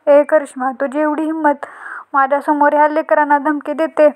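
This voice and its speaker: A woman's voice: sits high, level tone, normal speed, lightly acted. A woman reading a stern scolding father. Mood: angry. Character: stern angry father scolding his daughter.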